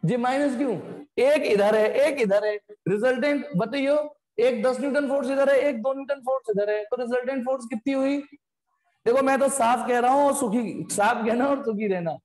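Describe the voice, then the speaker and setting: Teaching physics over the internet, a man with an extremely high-pitched, darkish voice talks at a moderate pace. His step-by-step explanations are broken up by blunt scolding of the class. The room is echoey, leaving a long reverb.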